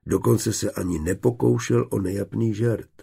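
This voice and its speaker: A man narrating an audiobook in a steady, measured way. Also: lowish voice, creaky, husky.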